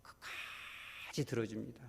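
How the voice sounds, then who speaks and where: A man's voice: a little slow, a bit bright, big-room sound. A male pastor giving a conversational sermon, often acting out prayers and everyday dialogues. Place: church.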